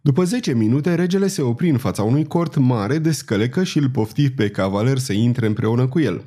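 A man narrating a historical novel as an audiobook in a measured, expressive way. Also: medium pitch.

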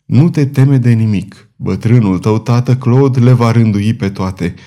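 A man reading an audiobook, voicing an older, burly executioner who speaks slowly and solemnly. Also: medium pitch, dark tone, lightly acted.

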